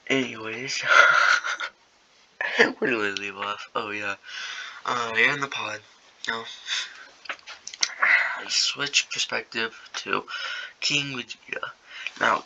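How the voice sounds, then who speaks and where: A man's voice: medium pitch, vocal fry, pushed and bright, a little hiss or hum, rough recording. A young man casually improvising a story, rambling and slangy, with many fillers.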